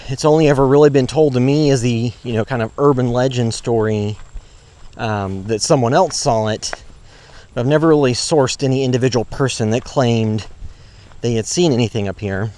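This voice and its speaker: Out exploring a park, a man with a warm, medium-pitched voice narrates casually at normal speed. He's unscripted, a bit hesitant and rambling, keeping things matter-of-fact while road noise and outdoor sounds fill the background.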